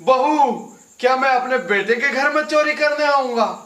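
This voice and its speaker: A man's voice: high-pitched, unhurried, fairly bright tone. A man playing a heartbroken old blind father. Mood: indignant. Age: older. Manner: pleading, poetic and sorrowful. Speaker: voice actor. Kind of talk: melodramatic audio drama. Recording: roomy voice over background music.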